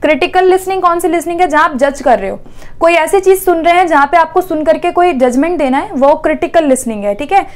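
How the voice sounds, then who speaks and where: A woman with a high voice delivers an exam-prep lesson. She explains step by step, asks her own questions and answers them, and checks in with her listeners after nearly every point. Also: fast. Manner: explanatory, repeats "theek hai" often. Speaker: teacher.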